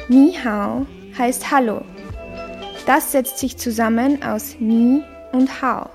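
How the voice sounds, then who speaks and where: A woman calmly narrating a scripted lesson, carefully demonstrating sounds. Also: fairly high pitch. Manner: slow, careful, demonstrates tones clearly. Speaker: language teacher.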